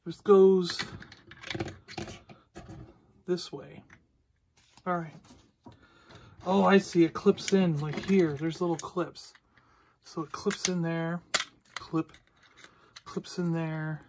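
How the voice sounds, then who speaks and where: A man's voice: fairly high pitch, little pitch movement, takes it slowly, long pauses, a little mellow, slight background noise. A man hosting a casual toy unboxing, rambling easily as he handles the pieces and talks through them. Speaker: toy reviewer and podcast host.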